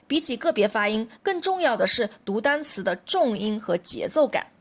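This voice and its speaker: A woman's voice: on the high side, sing-song, normal speed. A woman language teacher with a Mandarin Chinese accent, patiently explaining a lesson in careful steps.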